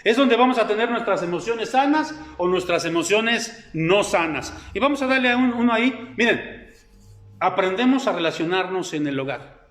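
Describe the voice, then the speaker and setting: A man's voice: sits high, lively intonation, moderate pace, a bit bright. A middle-aged man preaching a sermon over slides, in a conversational way full of fillers and rhetorical questions. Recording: echoey room.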